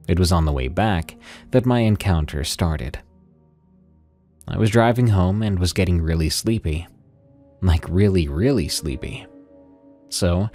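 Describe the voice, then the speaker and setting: A man with a low-pitched voice speaks as a paranormal radio host. His scripted delivery is measured and ominous, like someone telling scary stories, with music playing underneath. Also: darkish tone. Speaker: host of a paranormal story show. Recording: music behind the voice. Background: background music.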